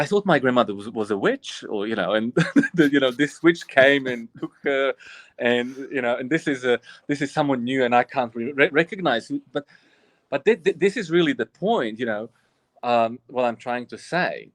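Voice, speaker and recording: A man of about forty speaks earnestly as a priest, circling back and restarting his thoughts. His voice sits at an ordinary middle pitch. The sound is close and dry, with no room around it. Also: expressive, moderate pace, fairly bright tone, dry recording. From Bosnia. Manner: earnest and reflective, frequent restarts. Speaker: Orthodox priest, guest. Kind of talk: personal storytelling in interview.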